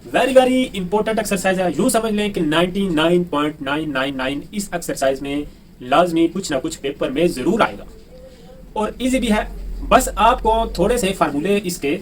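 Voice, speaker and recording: A man with a high voice walks through a math lesson, constantly firing rhetorical questions at his listeners and answering them himself. He repeats key words for emphasis. He sits a little back from the mic, with a faint hiss of background noise. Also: far from the mic, poor audio. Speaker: math teacher.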